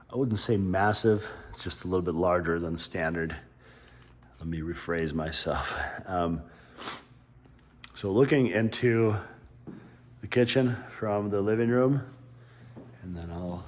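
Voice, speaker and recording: A man with a slight lisp from a dental retainer, giving an easygoing, rambling walkthrough of a house while filming on a gimbal. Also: deep voice. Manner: easygoing, rambling, self-correcting. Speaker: real estate home tour guide. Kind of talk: casual walkthrough narration. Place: inside a large house. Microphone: handheld camera on a gimbal.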